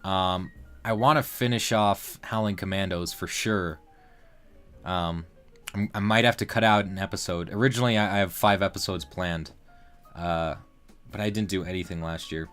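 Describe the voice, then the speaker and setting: Rambling teenage guy, low voice. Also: fairly bright tone. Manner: rambling, loose talk full of fillers and restarts. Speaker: livestream host. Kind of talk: casual livestream chat.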